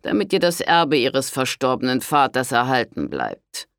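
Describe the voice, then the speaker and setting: A man voicing a pompous count who speaks slowly and formally in an audiobook. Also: mid-range voice, huge pitch swings, fairly bright tone, smooth, dry recording, studio quality. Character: pompous male count in red armor.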